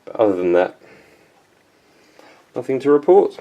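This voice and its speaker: A young Englishman with an English accent chats casually in a plant vlog, poking fun at himself with self-mocking, dry humor. His voice is medium-pitched, sing-song, and unhurried, with a lo-fi sound.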